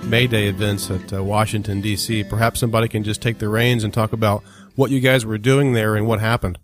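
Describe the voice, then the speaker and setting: A man's voice: lowish voice, flat delivery, brisk. A man hosting a podcast, introducing the show in a casual way. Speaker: podcast host. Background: guitar music.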